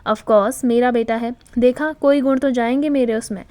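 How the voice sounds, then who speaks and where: A cheeky middle-aged son-in-law, always joking and bantering with the family, as a woman narrator puts him on. The voice stays fairly high. It sounds dry and close, with no room around it. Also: steady tone, normal speed, darkish tone, no room sound, lightly acted.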